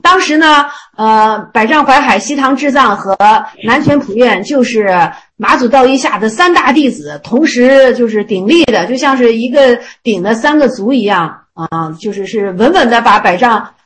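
Woman, casual storytelling, high pitch, repeats phrases. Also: animated, moderate pace, fairly bright tone.

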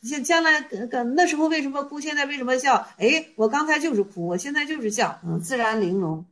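High-voiced woman retelling koans animatedly. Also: fairly quick. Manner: animated retelling, repeats and restarts words. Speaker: teacher explaining Zen koans. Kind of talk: conversational lecture with storytelling.

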